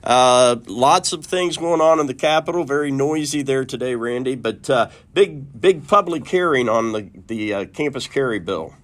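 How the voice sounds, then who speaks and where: A man's voice: medium pitch, normal speed, few pauses, fairly bright tone. A man hosting a political interview program from a public building. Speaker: talk show host. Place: noisy capitol building. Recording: noisy public building, clear background din.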